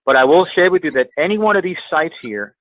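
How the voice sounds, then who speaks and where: A fast-talking sales trainer with a slightly high voice and lively intonation gives a motivational coaching talk as a guest speaker on a conference call. He's emphatic, repeating phrases for effect. The dry recording comes through a telephone with the tinny, band-limited quality of a conference line.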